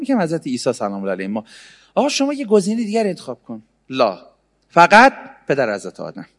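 A man giving a humorous sermon, sarcastic, swinging between loud and hushed delivery. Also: a little high, long reverb tail. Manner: sarcastic, mimics others in mocking voices. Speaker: religious speaker.

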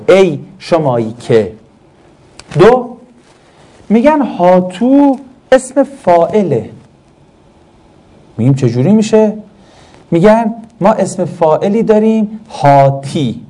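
In a classroom lesson on Quranic Arabic grammar, a male teacher with a fairly high, mellow voice quizzes his students and then answers his own questions. He is animated, and his pitch swings widely.

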